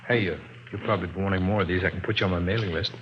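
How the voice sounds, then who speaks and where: A low, steady voice races along, sounding close to everyday speech, as an actor performs in a 1950s radio crime drama. His character is a sleazy, chummy male peddler of illicit picture books using slangy, wheedling sales patter in a chummy, dealing mood, heard through a dull, very noisy old broadcast.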